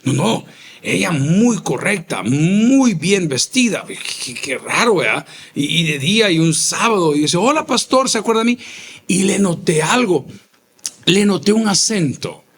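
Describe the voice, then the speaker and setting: A male pastor, preaching a sermon with emphatic repeated phrases and sudden rises in pitch. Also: sing-song, measured pace. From El Salvador.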